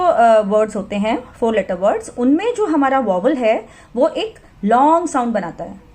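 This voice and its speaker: A woman teaching a phonics lesson in Hindi mixed with English, spelling each word out letter by letter and then saying it slowly. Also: a little high, a little mellow.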